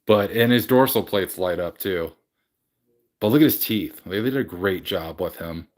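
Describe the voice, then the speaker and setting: This livestream host chats casually with live viewers from his home game room, welcoming them and wandering through his collection while often restarting and correcting himself. He has a low voice and a moderate pace.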